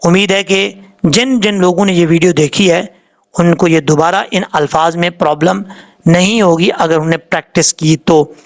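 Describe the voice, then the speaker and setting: A man teaching Quran recitation rules, patiently going letter by letter and slowly drawing out each word he demonstrates. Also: sits high, fairly even intonation. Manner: slowly draws out sounds when demonstrating words. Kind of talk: tajweed lesson explaining pronunciation rules.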